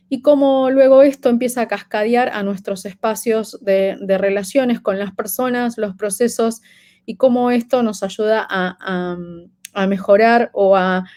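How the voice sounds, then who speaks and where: A woman in her thirties from Peru gives a conference talk in a medium-pitched, slightly mellow voice. Her Peruvian accent is light from living in Argentina, and she sounds hesitant, with frequent fillers and restarts.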